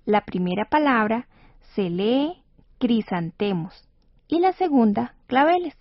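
A woman radio teacher guides a reading lesson in a patient, clear and encouraging way. Her voice sits a little high, and the recording is dry and somewhat dull, like an older studio broadcast. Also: big pitch swings, slow pace, no room sound. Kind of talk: scripted educational radio lesson.

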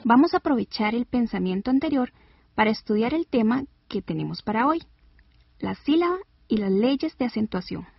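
Female radio lesson host, deliberate scripted delivery, husky edge, muffled old broadcast. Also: on the high side, lively intonation, soft background music. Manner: clear, deliberate, spells out words slowly. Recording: dull lo-fi radio recording.

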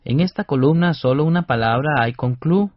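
Co-presenting a scripted educational radio lesson, a man explains things carefully and over-articulates his syllables at a moderate pace. His voice is fairly high, with no room sound in the dull, dry studio recording.

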